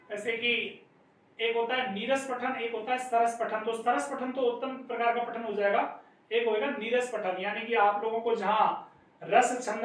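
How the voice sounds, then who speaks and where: A man teaching an exam-prep lesson, explaining step by step and often calling his listeners friends. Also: sits high. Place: classroom. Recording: echoey room, distant mic, faint noise.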